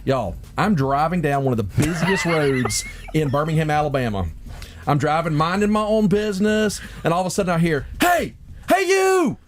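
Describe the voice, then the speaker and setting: Animated male guest telling a story. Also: high-pitched. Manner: animated, acts out the voices in his stories. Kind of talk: casual storytelling.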